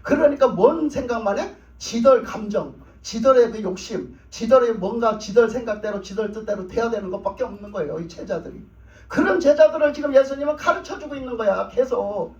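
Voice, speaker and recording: High-voiced preacher in an echoey church. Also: male voice, darkish tone. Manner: asks the congregation questions and answers them; plain conversational speech with repeated phrases. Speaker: pastor. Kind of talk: sermon. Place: church sanctuary. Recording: roomy, distant, dull church recording.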